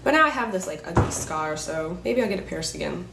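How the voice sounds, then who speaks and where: A woman's voice: on the low side, expressive, a little fast, vocal fry, reverberant, noisy background. A woman in her twenties chatting casually to camera, joking and laughing often. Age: 20s. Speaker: beauty vlogger. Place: indoors, a room in Los Angeles.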